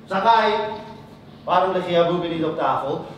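A man's voice: high voice, normal speed, pitched below the performer's own voice, natural voice. A man voicing a stern, commanding male schoolteacher on stage. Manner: commanding, clipped. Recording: echoey stage, from far off, room noise.

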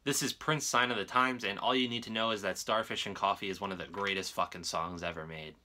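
In a small indoor room at his home, a young man shows his music collection to camera, chatting informally and swearing freely. His voice sits fairly low and steady, with a sharp tone and a rather quick pace.

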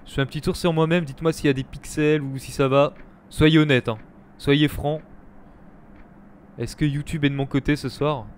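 A man hosting a live let's-play, chatting to his viewers and reacting excitedly to the game. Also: on the high side, normal speed, a little hiss or hum. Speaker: gaming streamer, host.

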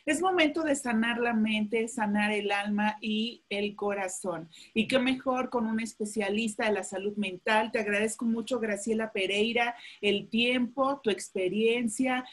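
Husky-voiced woman talk show host. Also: on the high side. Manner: affirming, brief agreeing replies. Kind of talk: interview hosting.

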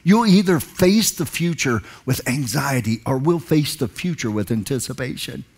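This forties pastor's sermon, delivered into a headset mic on a big indoor stage, alternates between soft, hushed passages and loud, emphatic appeals to the congregation. His husky, medium-pitched voice has lively intonation and a moderate pace.

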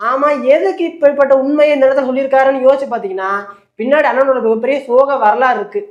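A host giving satirical commentary, telling the story in a fast, mocking way. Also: high voice, fairly even intonation. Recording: roomy, slightly dull recording.

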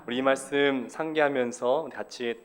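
A man's voice: mid-range voice, fairly even intonation, normal speed, smooth. A male pastor preaching a sermon, stressing words emphatically and asking the congregation rhetorical questions.

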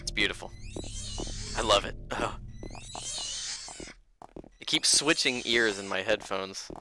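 A man's voice: lowish voice, slow, sharp tone, faint music behind. A young man giving casual live gameplay commentary and chatting with his viewers. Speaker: game streamer. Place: small dark room indoors. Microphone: headset.

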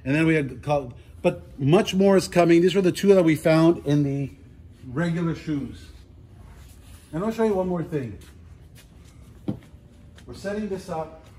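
A middle-aged man giving a casual walking tour of a large warehouse as an auctioneer, chatty and playful, listing items in quick repeats. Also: on the high side, lively intonation, mellow. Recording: roomy warehouse echo, faint background noise.

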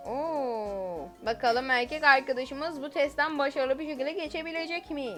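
Excitable high-voiced woman gamer. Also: normal speed, faint music behind. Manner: excitable, lots of exclamations and giggles. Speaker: gaming YouTuber. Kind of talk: gameplay commentary.

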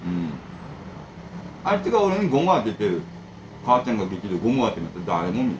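Rambling man with a lively voice. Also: lowish voice, fast, background noise. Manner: rambling, animated, jumps between complaints and advice. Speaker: bento shop owner and channel host. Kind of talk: casual rambling chat to camera.

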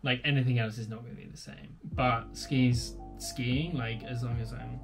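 A man in his twenties, a guest and partner, answers questions in a laid-back, casual chat full of filler words. His medium-pitched voice has fairly even intonation at a normal speed, with soft music in the background. He's recorded on a fixed camera in his bedroom at home.

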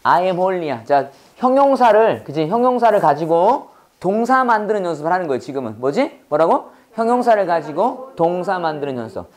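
A man's voice: high-pitched, sing-song, a little fast. Man drilling English words. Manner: drills students with repeated call-and-response questions; exaggerated pronunciation demonstrations. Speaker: English teacher. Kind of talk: Bible-based English lesson to a class.

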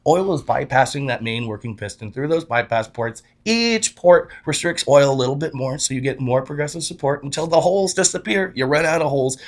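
A young man hosts an off-road suspension explainer in a lively, animated delivery. He gestures freely with both hands as he talks. He is recorded cleanly on a dark studio set. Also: mid-range voice. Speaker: host of a shock product explainer. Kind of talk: energetic product explainer.

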